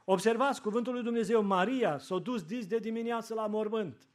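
A man preaching a sermon in a church, fervent, rising to emphatic peaks and dropping to quiet, prayerful lines. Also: high voice.

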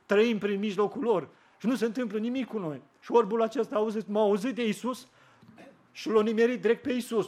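A man. He slows and lifts his voice on scripture quotes, then drops low and soft in his appeals to the listeners. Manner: fervent preaching, slows and rises on scripture quotes. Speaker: preacher. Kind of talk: sermon.

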